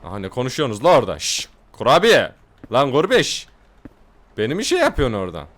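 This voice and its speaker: Here a young gaming host gives laid-back let's-play commentary, cracking jokes, laughing often and translating lines out loud. He talks fast at a medium pitch, his fairly bright voice swinging widely up and down.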